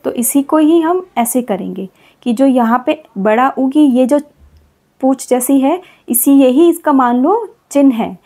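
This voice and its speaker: High-voiced woman teaching Hindi grammar. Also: animated, dark tone. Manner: patient, repeats example words slowly. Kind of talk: explaining Hindi grammar to children.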